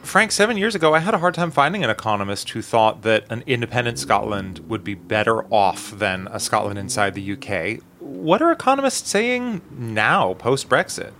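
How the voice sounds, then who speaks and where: A man hosting a radio news program, putting direct, measured questions to a correspondent. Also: medium pitch, big pitch swings, a bit bright, a little hiss or hum.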